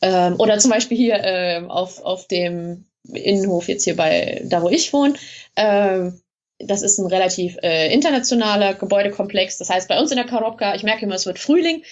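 A woman's voice: medium pitch, normal speed, a little mellow. Woman blogger talking casually, lots of umms, bit muffled audio. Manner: many hesitations, chatty explanations. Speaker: blogger in Russia, guest. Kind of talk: casual interview.

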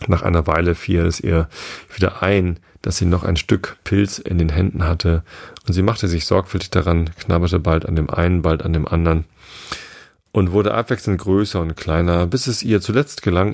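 Storybook narrator, male, low gravelly husky voice, steady reading. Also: moderate pace. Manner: steady, plain reading with small slips.

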